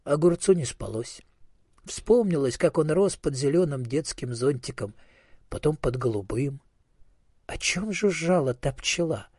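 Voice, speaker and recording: Male storyteller, calm and measured; slightly high, husky, dry recording. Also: dry recording. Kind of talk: scripted storybook narration.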